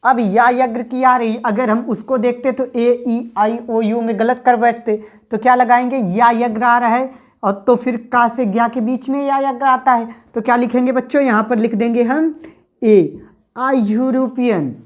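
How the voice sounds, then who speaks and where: A woman teaching a grammar lesson to students. She asks them questions, answers them herself, and sounds out letters slowly. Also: on the high side, fairly even intonation, highs cut off.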